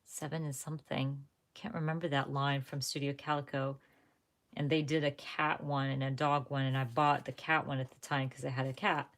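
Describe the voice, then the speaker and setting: Low-voiced woman chatting while crafting. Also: little pitch movement, moderate pace, a bit bright. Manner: rambling, self-correcting, chatting to viewers. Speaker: crafting livestream host. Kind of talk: casual chat while crafting live.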